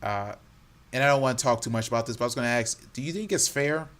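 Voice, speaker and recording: A man co-hosting a gaming podcast, telling stories in a loose, laughing, animated way. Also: medium pitch, fast. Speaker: podcast co-host. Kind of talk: casual chat.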